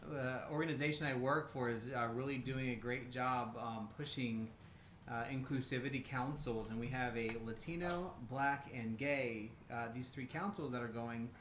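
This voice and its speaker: A man's voice: mid-range voice, normal speed, fairly bright tone. An American man co-hosting a casual livestream, rambling and bantering as he goes. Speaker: co-host. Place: indoor room. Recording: roomy echo, faint background noise.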